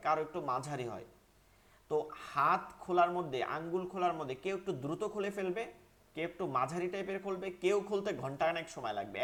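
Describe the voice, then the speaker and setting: Teacher, male, higher-pitched, patient, chants letter drills steadily. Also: a bit bright. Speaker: Quran reading teacher. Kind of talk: online class lesson, rhythmic drilling.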